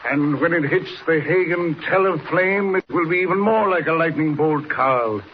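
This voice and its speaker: An actor playing a sinister, menacing professor with a deadly invention in a 1940s radio serial. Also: male voice, fairly high pitch, normal speed, lightly acted. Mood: gloating. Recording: noisy, muffled old radio recording.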